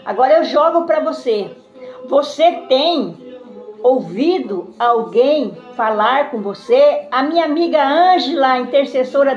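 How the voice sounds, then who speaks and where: A woman preaches a live-streamed sermon in a high voice. She keeps asking her listeners questions and tagging phrases with "né?". The room rings around her, the sound is a little dull, and soft music plays underneath. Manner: ends phrases with a questioning "né?", asks listeners questions, greets viewers by name. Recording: roomy, slightly dull sound with faint music behind.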